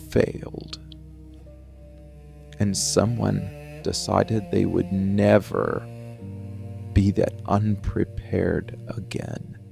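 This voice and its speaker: In this dark fantasy ASMR monologue, a man plays a villain who is brooding, hardened and defiant. He speaks with measured intensity and deliberate, dramatic pauses, his lowish voice carrying vocal fry.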